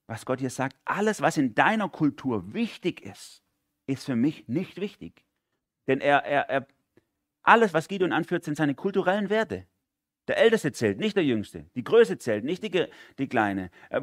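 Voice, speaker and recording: A man preaching a sermon in an animated way, moving between loud emphasis and quiet intensity and often asking listeners to agree with him. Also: mid-range voice, dry recording, clean studio sound. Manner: asks listeners for agreement with a spoken tag.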